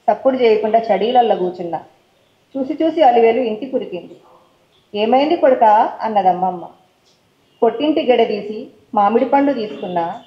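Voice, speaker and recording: Woman, Telangana accent, poet at a forum recital; casual chat mixed with English words, then rhythmic verse; slightly high voice; roomy, dull hall sound. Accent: Telangana Telugu. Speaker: poet reading her own work. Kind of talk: poetry recital with chatty introductions. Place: stage at a poetry forum event.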